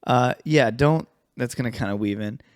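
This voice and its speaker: A man's voice: mid-range voice, normal speed, clear, resonant tone, dry recording, studio quality. A man co-hosting a podcast in casual chat, rambling and swearing, often losing his train of thought. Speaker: podcast co-host.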